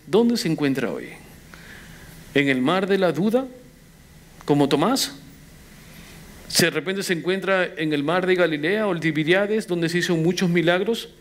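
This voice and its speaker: A man delivering a church sermon in a slightly high voice. He fires questions straight at the congregation, his delivery rising and dropping as he presses each point with earnest emphasis. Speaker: preacher. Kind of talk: Spanish-language sermon.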